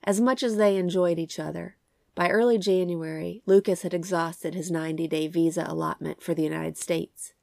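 A woman with a croaky voice stuffed up by a cold, hosting and reading scripted true crime narration. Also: on the low side, steady tone, normal speed, darkish tone, no echo, clean studio sound. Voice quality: croaky, congested. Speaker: podcast host and narrator.

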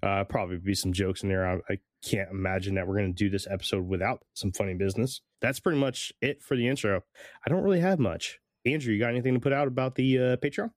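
A man with a fairly low voice hosts a podcast in a laid-back, informal way. The sound is dry and close, with very little room on it. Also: fast talker, no echo. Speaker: podcast host. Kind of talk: casual podcast banter with scripted intro narration.

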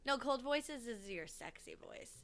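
A woman's voice: on the high side, expressive, measured pace, a bit bright. A woman co-hosting a podcast in casual, teasing chat full of slang and swearing. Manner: teasing, slangy, profanity-laced. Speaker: podcast co-host.

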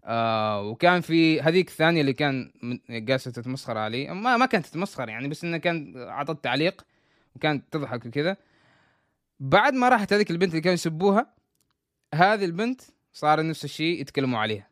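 A man's voice: on the high side, sing-song, fast talker, a bit bright, no room sound, clean studio sound. A man telling a story in a casual, chatty way, restarting sentences and dropping English words in.

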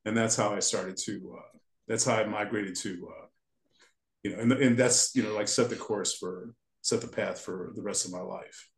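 A man's voice: on the low side, fairly even intonation, normal speed. A man in his sixties, a guest character designer from the United States, telling childhood stories in a rambling way and often restarting his sentences. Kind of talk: casual storytelling interview. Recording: echoey room.

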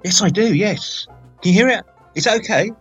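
A man's voice: sits high, fairly quick, slightly rough, dull audio, soft background music. A man, hosting a casual film podcast and talking in a rambling, chatty way full of fillers. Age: 40s. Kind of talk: casual film chat, live-streamed.

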